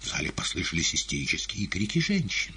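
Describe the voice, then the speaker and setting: A man narrating an audiobook in an expressive, dramatic reading with a husky voice. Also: low-pitched, fast.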